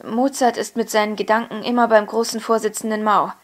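Woman voicing a calm, cheeky young student. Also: fairly high pitch, natural voice. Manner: calm, friendly, quick-witted.

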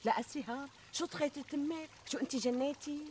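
An actress playing a flattering, reassuring middle-aged Syrian friend who talks emphatically in a TV comedy. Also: female voice, mid-range voice, quick pace, lightly acted. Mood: concerned. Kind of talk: conversational TV comedy sketch acting. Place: outdoors in a garden. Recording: outdoor ambience, trickling water noise.

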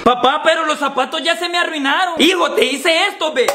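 A man performing quick comedy skits in a very high voice. His delivery sounds eager and childlike. Loud noise runs underneath his voice.

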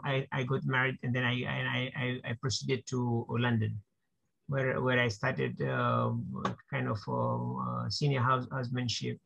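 An older man from Kenya talks through a muffled, lo-fi video call from a small room at home. His voice is deeply gravelly with a middling pitch. He speaks haltingly and often repeats his words. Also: a bit bright. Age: 60s. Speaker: guest doctor. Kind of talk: conversational interview over video call. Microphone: laptop mic on video call. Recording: dull lo-fi video call audio.

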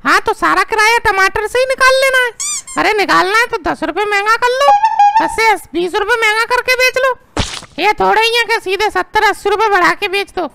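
A woman's voice: very high-pitched, normal speed, gravelly. A woman voicing an indignant, argumentative housewife who haggles in a cartoon comedy, on a noisy track. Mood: complaining. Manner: scolding, argumentative.

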